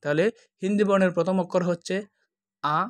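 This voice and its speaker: Man, language teacher, patient tutorial, drawn-out vowel sounds, somewhat high voice, dry close recording. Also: fairly even intonation, dry recording. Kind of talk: tutorial explanation.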